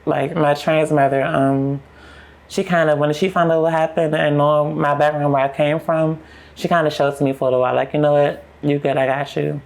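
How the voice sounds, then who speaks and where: Gravelly young woman telling her story frankly. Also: deep voice, flat delivery, fairly quick, a little mellow. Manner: frank, run-on retelling with acted-out quotes. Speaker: podcast guest. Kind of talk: candid personal storytelling.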